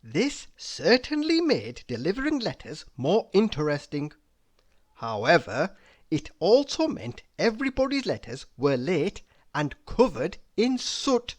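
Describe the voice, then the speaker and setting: Narrating for children, this storybook reader uses a medium-pitched voice and an expressive, deliberate style, lingering on key words to emphasize them.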